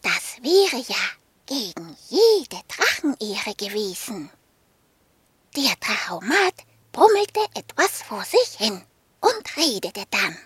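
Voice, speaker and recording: A woman reading a children's story aloud in a soft, half-whispered storytelling voice. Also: on the high side, big pitch swings, slow pace, husky, no room sound.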